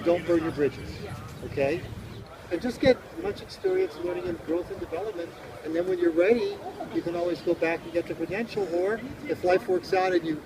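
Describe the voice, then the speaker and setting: High-pitched and fairly quick, this middle-aged Hawaiian busker chats casually and philosophically in an outdoor interview by a beach park. Crowd sounds, vehicle traffic and loud outdoor background noise mark a low-quality recording.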